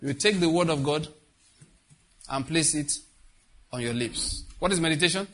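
A man's voice: fairly high pitch, normal speed, fairly bright tone. A middle-aged man preaching a sermon as pastor, emphatic, repeating key phrases and putting questions to the congregation.

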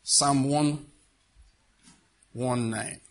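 A man's voice: medium pitch, steady tone, drawn-out words. A middle-aged man preaching a sermon as pastor, emphatic, repeating key phrases and putting questions to the congregation.

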